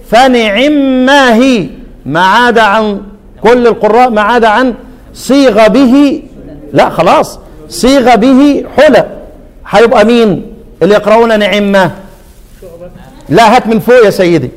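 A man's voice: high-pitched, long reverb tail. A man teaching a class on Quran readings in Egyptian Arabic, often asking a question and answering it himself.

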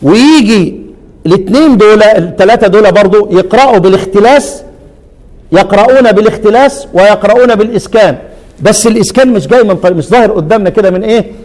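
A man's voice: high-pitched, fast, a little mellow, long reverb tail. A man teaching a class on Quran readings in Egyptian Arabic, often asking a question and answering it himself.

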